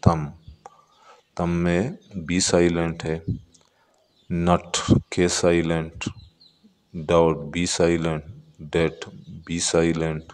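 Very slow, deep-voiced male teacher. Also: little pitch movement, a little mellow, big-room sound. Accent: Pakistani. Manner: reads English words slowly, then explains them in Urdu-flavoured Hindi. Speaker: English teacher. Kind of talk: textbook exercise walkthrough.

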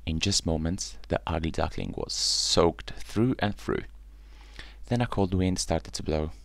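A man reading a children's bedtime story aloud in a gentle, unhurried way. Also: sits low, creaky, dry recording.

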